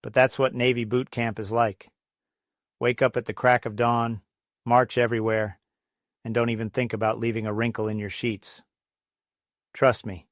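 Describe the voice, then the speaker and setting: Middle-aged male storyteller, mid-pitched and level, telling corny dad jokes in a scripted monologue, dry recording. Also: no echo. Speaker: comedy storyteller and host.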